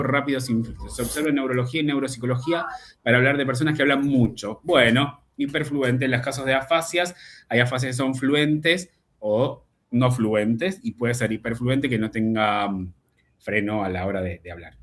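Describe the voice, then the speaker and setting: A man gives a speech therapy lesson over a video call. His voice sits at a middle pitch for a man. He explains patiently and keeps checking in with his students. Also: moderate pace, a bit bright. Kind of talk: online class explanation.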